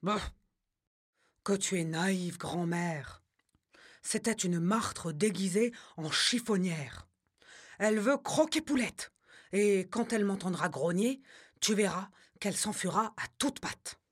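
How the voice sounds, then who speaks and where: A woman's voice: medium pitch, slow, slightly rough. A woman doing a loyal, clever little dog. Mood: reassuring. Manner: confident, reassuring. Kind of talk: storybook reading for children.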